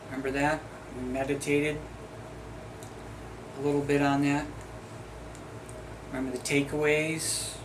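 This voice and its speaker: A man's voice: a little high, unhurried, pauses often. A middle-aged man from the United States hosting a video, talking in a casual, rambling monologue full of wandering, jokey asides. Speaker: video host. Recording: steady background noise.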